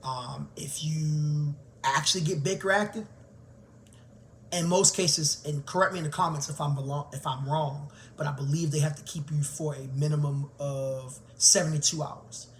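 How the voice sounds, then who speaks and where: A man tells his own story in a candid, conversational way. His voice sits a little high for a man. A faint hiss runs under the recording. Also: normal speed. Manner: candid, conversational, grows animated. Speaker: teacher and vlogger. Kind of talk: personal storytelling to camera.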